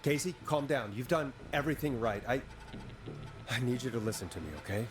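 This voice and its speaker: An actor voicing a calm male radio host talking a caller through an emergency, reassuring and instructive. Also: mid-range voice, fairly quick, a crowd in the background, close to an everyday voice. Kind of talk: video game voice acting.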